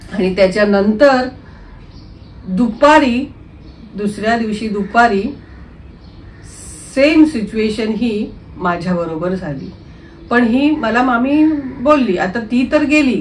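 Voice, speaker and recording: A woman's voice: a little high, animated, slow, long pauses, distant mic, slight background noise. Woman retelling a true ghost story. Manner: unscripted retelling, frequent fillers and clearing throat. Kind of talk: first-person true story narration.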